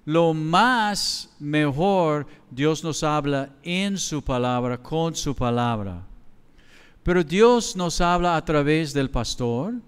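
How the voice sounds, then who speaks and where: Slow-preaching Mexican pastor in a reverberant hall. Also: male voice, fairly high pitch, clean tone. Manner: slow, conversational preaching with laughs and quoted dialogue. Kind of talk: sermon. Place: large church hall. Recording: church hall with long reverb.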